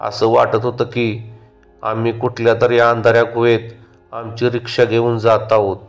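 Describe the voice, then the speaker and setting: A man narrating a horror story in a steady, measured way. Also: mid-range voice, faint music behind.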